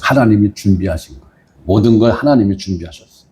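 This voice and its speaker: A man preaching a sermon as pastor, reading scripture slowly and often asking the congregation questions. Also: lively intonation, mellow. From maternal family from the Jeolla region. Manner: asks the congregation questions and repeats phrases; reads scripture slowly and lower.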